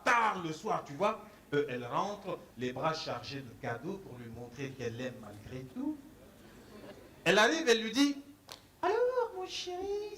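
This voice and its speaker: A male stand-up comedian from Niger, telling jokes in a lively, teasing way at a live show. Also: a little high. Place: live show before an audience.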